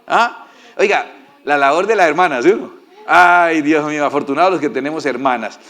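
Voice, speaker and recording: Brief: male preacher, sermon, folksy and humorous, fairly high voice. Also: normal speed, a bit bright. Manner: folksy, joking, asks the congregation for assent. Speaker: pastor.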